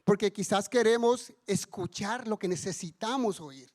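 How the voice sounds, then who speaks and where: A man's voice: high voice, moderate pace. A man preaching a sermon in a church, telling stories and acting out the voices of the people in them. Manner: tells a story and acts out voices in raised cries.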